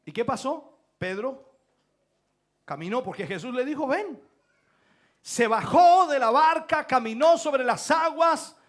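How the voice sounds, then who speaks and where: Male pastor, very animated delivery with a high pitch and sudden shouted lines. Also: measured pace. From Chile. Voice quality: dramatic preaching, bursts into shouts. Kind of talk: sermon. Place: church.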